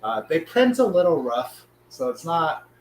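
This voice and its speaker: A man hosting a casual live stream, his voice sick and hoarse with a smoker's rasp. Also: a little high, big pitch swings, unhurried, roomy sound, a little hiss or hum, rough recording.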